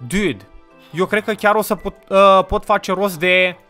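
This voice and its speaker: A man hosting a casual let's-play, playful and mock-villainous, breaking into excited outbursts. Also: high voice, faint music behind. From Romania. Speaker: gaming channel host.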